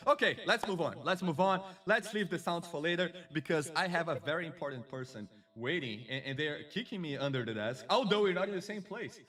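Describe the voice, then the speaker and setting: A man's voice: a little high, a bit bright, distant mic. A man hosting a casual live stream, chatty and effusive, greeting viewers and a co-host.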